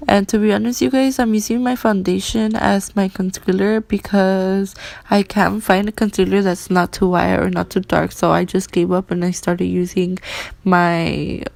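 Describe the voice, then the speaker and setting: A woman's voice: mid-range voice, little pitch movement, moderate pace, creaky, a little mellow, dry recording. A young woman casually narrating a makeup tutorial as a beauty vlogger, speaking with her mouth held slightly open around braces.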